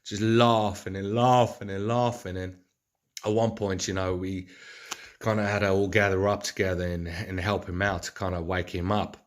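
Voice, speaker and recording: A man's voice: low voice, flat delivery, moderate pace. A man speaking in an earnest, rambling reflective monologue, with many fillers and restarts. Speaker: vlogger.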